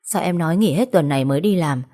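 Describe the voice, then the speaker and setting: A woman's voice: deep voice, animated, quick pace, mellow. A woman voicing a caring, protective young man who speaks urgently and firmly. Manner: urgent, firm and reassuring.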